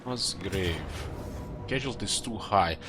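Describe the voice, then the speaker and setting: A man giving casual, halting commentary on a strategy game as he plays, thinking aloud. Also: deep voice, noisy background. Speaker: gamer commentating own play.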